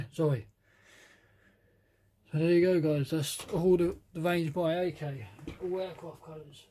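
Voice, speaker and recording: Halting British man reading paint names. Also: fairly high pitch, fairly even intonation, darkish tone, slight background noise. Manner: halting, reads out paint names, admits he can't pronounce them. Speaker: scale model reviewer. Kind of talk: casual unboxing review.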